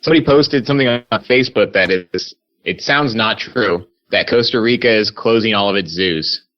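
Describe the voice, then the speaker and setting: A man's voice: on the low side, moderate pace, dull audio. A man co-hosting a podcast, teasing his friends and asking curious questions in casual chat. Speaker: podcast co-host.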